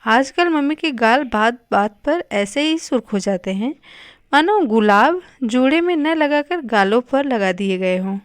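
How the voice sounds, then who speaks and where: A woman reading a novel aloud with expressive, measured storytelling on a close microphone. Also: on the high side, smooth, no echo. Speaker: narrator. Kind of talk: audiobook reading of a Hindi novel.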